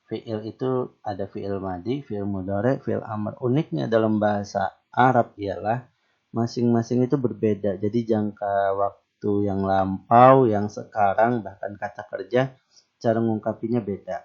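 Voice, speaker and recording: A man talks through a grammar lesson in a low, mellow voice, easygoing and conversational. He often stops to ask rhetorical questions and fill pauses. The sound is a bit dull and lo-fi. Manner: relaxed, chatty, with fillers and rhetorical questions. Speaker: Arabic grammar teacher. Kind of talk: casual online lesson.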